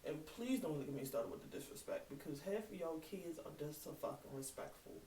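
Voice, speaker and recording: A woman's voice: sits low, sing-song, fairly quick, dark tone. Thirty-something woman ranting to camera, cussing a lot, echoey room, sounds kinda far from the mic. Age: 30s. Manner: blunt, heated, swears freely. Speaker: vlogger. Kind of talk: casual monologue. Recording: echoey room, mic at a distance, faint hiss.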